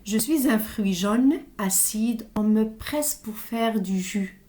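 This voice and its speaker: Slow, soft-toned woman teaching children. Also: on the high side. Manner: slow, deliberate, sounding out syllables. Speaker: primary school teacher. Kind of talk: reading lesson for young children.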